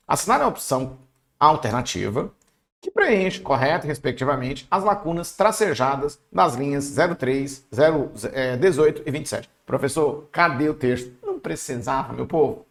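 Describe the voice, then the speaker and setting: Male teacher, exam prep, chatty and playful, rough fry in the voice. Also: fairly high pitch. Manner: playful, chatty, talks to viewers and himself. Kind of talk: online exam-prep lesson.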